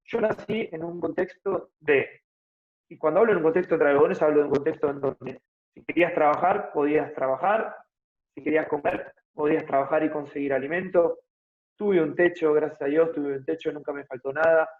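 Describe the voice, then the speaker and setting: Guest, 30s, Buenos Aires accent, fairly high voice, thinks aloud, slightly muffled audio. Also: male voice, brisk. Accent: Argentine Spanish (Buenos Aires). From Argentina. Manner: explanatory, thinks aloud with frequent tag questions. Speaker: guest, fitness motivator. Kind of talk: casual interview conversation.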